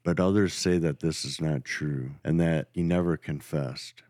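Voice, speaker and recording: A man hosting a podcast, telling a true crime story in a steady, matter-of-fact way. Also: a bass voice, a little slow, no room sound, studio quality. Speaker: podcast host.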